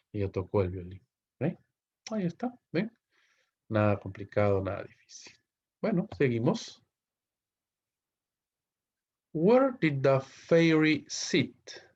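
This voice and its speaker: A man from Peru teaching an English lesson in Spanish. He explains step by step, keeps asking his students "ok?" and reads the English example sentences slowly and clearly. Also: fairly low pitch, darkish tone, highs cut off. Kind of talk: recorded classroom lesson.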